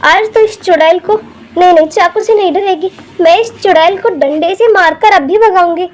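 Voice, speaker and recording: A woman's voice: very high voice, moderate pace. A woman voicing a brave, fussing young housewife who talks herself through every step in running commentary, in a homemade doll drama. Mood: determined.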